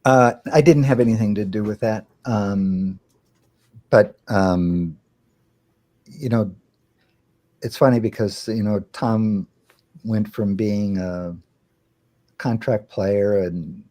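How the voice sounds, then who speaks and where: Older guy guest on talk radio, low mellow voice, real slow and halting, lots of ums. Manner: halting, thoughtful, many fillers. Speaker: guest, television executive. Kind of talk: radio interview.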